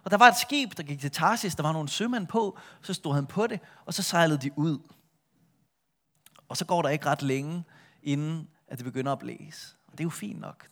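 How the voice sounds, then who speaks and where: A middle-aged man preaching a sermon, retelling a Bible story with lively shifts between a full voice and a soft hush. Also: on the high side. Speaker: pastor.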